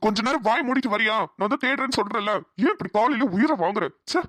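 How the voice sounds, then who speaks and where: Someone voicing a cartoon younger brother, fast-talking, impatient, dismissive, dry close sound. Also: medium pitch, a bit bright, no room sound, natural voice. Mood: exasperated. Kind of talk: cartoon voice acting.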